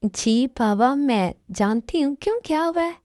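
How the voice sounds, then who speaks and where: A woman voicing a gentle young adult daughter in an amateur dub, speaking softly and earnestly. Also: sits high, lively intonation, unhurried, no room sound.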